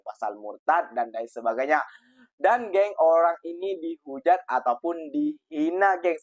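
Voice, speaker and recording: A man's voice: fairly high pitch, no room sound. A man hosting a reaction video, talking in a chatty way to his viewers and calling them "geng" again and again. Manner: chatty, says "geng" constantly. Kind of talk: casual reaction commentary.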